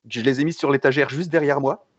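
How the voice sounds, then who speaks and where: A young Frenchman whose first language is French tells his story as a concept artist guest on a livestream, talking fast in a medium-pitched voice with a breathy edge. He's relaxed and jokey, full of fillers and restarts, and the audio is dull with no echo.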